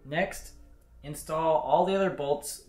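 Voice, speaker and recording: In an indoor home garage, a twenty-something man hosts a step-by-step repair tutorial for the camera, instructing plainly as a mechanic would. His voice sits a little high but has a darkish tone, and he speaks slowly. The sound is roomy, with soft background music.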